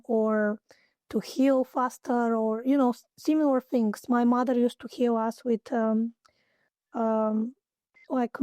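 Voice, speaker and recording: A woman's voice: on the high side, warm tone, dry recording. A woman from Bulgaria with a Bulgarian accent, a native Bulgarian speaker and holistic therapist, answering interview questions hesitantly with many fillers as she searches for English words.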